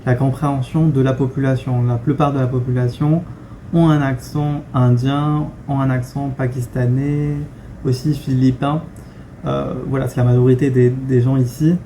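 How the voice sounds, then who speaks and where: A young man from France talks straight to camera in a relaxed, frank way, often pausing on fillers. His voice is very dark and mellow, and his melody stays fairly flat. A faint hum of ambient noise sits under the recording. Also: mid-range voice. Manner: conversational, frank, many fillers and restarts. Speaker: vlogger. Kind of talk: casual talking-head vlog.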